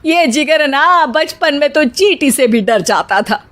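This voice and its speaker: Woman doing bossy saas in a hindi cartoon, high voice, sarcastic, scolds a lot but scares easy. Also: animated, unhurried, a bit bright. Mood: bossy, mocking. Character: bossy, sarcastic, easily frightened middle-aged Indian mother-in-law. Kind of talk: cartoon voice acting.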